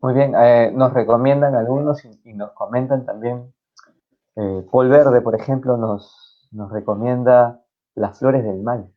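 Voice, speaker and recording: A man's voice: mid-range voice, steady tone. A male host, reflective in casual chat, putting questions to his guest. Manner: slow and reflective, asks questions. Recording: dull lo-fi sound with faint noise.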